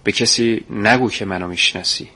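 A man voicing a calm, secretive grown man who speaks in a reassuring, confiding way. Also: on the low side. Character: calm secretive middle-aged man recruiting a boy.

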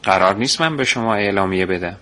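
Style: calm secretive man, as a male narrator voices him. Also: fairly low pitch. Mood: calm, confiding. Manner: reassuring, hushed and confiding. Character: calm secretive middle-aged man recruiting a boy.

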